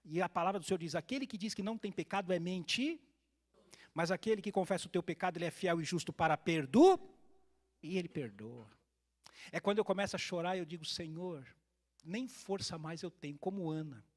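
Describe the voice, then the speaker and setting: A man's voice: sits high, fairly quick. A man from Brazil, a pastor preaching a sermon to his congregation, telling stories and speaking to the people in front of him. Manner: animated storytelling, addressing the congregation directly. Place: church hall.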